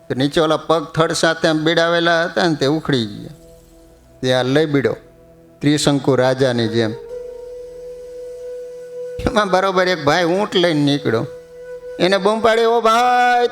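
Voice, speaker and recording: High-pitched man, sermon with funny stories, slow chanted verses. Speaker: preacher.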